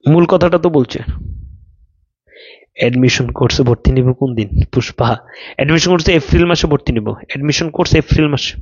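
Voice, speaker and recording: Male teacher, patient and repetitive, voice a bit high, muffled stream audio. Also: breathy edge. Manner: explains slowly, repeating lines for students to copy; reads out questions from live chat. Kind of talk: online class lecture.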